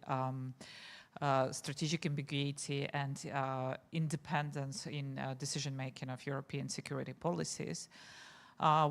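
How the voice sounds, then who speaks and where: Low-voiced woman moderating a panel. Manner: halting, with many filler sounds.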